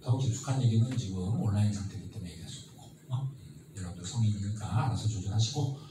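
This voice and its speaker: A man giving a lively history lecture who asks his students constant questions and acts out the people he quotes. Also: on the low side, quick pace. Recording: very echoey room, mic at a distance, faint noise.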